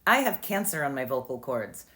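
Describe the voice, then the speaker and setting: A woman putting on the voice of an older man in court who pretends his voice is frail, speaking slowly and pitifully. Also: a bass voice, big pitch swings, a bit bright, exaggerated voice. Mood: mock-pitiful.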